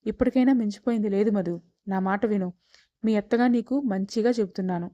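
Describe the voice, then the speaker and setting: A woman's voice: mid-range voice, fairly quick, dark tone, no echo, dull audio, lightly acted. A woman narrator voicing a scheming middle-aged aunt who insistently defends herself in a storybook reading. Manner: insistent, defensive, pleading her case.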